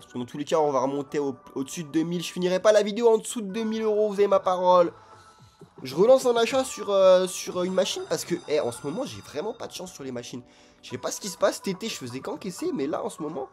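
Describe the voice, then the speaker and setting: Male casino streamer, excitable and chatty, casual commentary aimed at viewers. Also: high-pitched, fast talker, faint music behind. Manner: excitable, talks straight to viewers.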